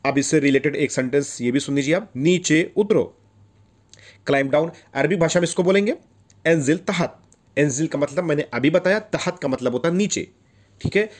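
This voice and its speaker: A man's voice: fairly high pitch, moderate pace. Guy teaching words on video, says each one twice, keeps checking in. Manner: repeats each word, checks in with "theek hai". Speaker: language teacher. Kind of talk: casual video lesson.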